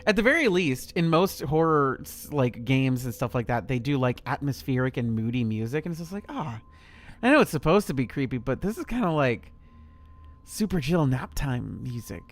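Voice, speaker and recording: In this casual gameplay commentary, a man in his thirties streams a horror game, rambling in a laid-back way and swearing a lot. His voice sits in the mid range, with a sing-song lilt and a moderate pace.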